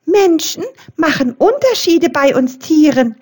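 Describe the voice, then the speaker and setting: A woman voicing a timid little male field mouse who squeaks as he talks in a storybook reading. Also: animated, measured pace, a little mellow. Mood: complaining. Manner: squeaks "pieps".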